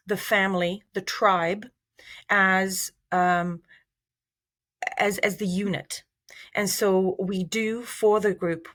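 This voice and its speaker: A middle-aged woman from Iraq speaks as an interview guest, her voice sitting at an ordinary pitch. She talks in a measured, thoughtful way, pausing on fillers and restarting phrases as she explains. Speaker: researcher guest. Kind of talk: interview answers.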